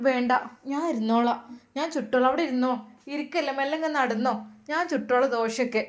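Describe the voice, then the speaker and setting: A woman's voice: high voice, brisk, natural voice. A woman voicing a caring elder-sister figure, Malappuram accent. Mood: tender. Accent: Malappuram Malayalam.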